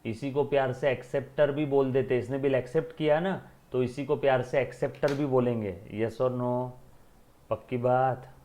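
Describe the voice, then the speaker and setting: A man's voice: medium pitch, fairly even intonation, normal speed, mellow. Man teaching class, asks and answers. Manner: repeats questions and answers them himself, calls students beta. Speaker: accounting teacher. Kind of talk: classroom lecture.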